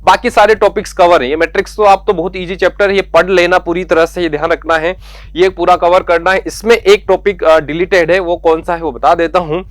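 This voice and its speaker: A man's voice: sits high, steady tone, brisk, no echo. A man teaching maths to school students. He goes through the exam syllabus, coaxes them and repeats the key points. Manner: coaxing, repeats key points, calls students beta and yaar.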